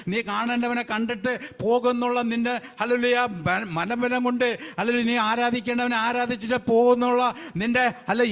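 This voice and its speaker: A male evangelist preaching a fervent sermon, breaking in often with hallelujah and praise the Lord. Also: high voice.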